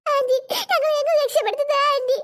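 A woman voicing a small frightened girl in a cartoon, crying and begging in a high wail. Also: fairly even intonation, fast talker. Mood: pleading. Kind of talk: cartoon voice acting.

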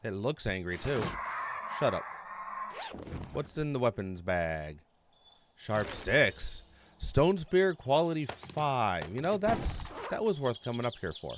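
A man's voice: mid-range voice, sing-song, slow, noisy background. A man hosting a gaming channel, giving chatty let's-play commentary, talking to himself and the enemies and swearing when he gets hurt.

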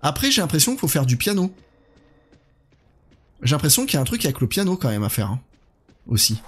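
A man's voice: fairly high pitch, sing-song, brisk, slightly rough. A man doing casual live commentary on a horror game while chatting with his viewers.

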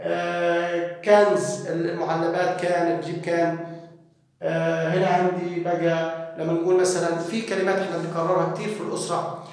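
A man's voice: fairly high pitch, level tone, a little fast, darkish tone. A man with an Egyptian Arabic accent teaching English words to parents, saying each word again and again and then explaining it. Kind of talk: spoken English vocabulary lesson for parents. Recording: echoey hall from far off.

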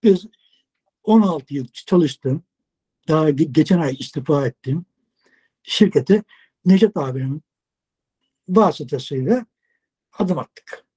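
A man, a long-haul truck driver, telling a lively casual story in an interview, acting out dialogue and swearing casually. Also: fairly high pitch, unhurried, long pauses, breathy edge. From Turkey.

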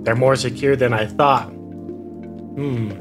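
Young male gamer, chatty let's-play commentary, mid pitch, clear game music under the voice. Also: steady tone, slow. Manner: chatty, reacts aloud to the game, laughs often. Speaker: gaming YouTuber.

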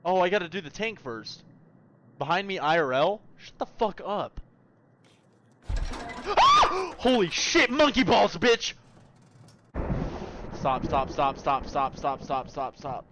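A man in his twenties, a game streamer, reacting live to horror games with excitable, profane chat, frantic repeated words and yelps, on a headset mic at home. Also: a little high, moderate pace, background noise. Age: 20s. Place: home room, indoors.

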